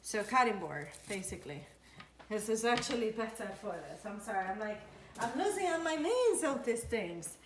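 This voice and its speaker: A woman's voice: fairly high pitch, very animated, normal speed, a little hiss or hum. A woman from Ecuador, a nutritionist giving a chatty cooking demonstration in her home kitchen and searching for words as she goes. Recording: echoey kitchen with dish clatter.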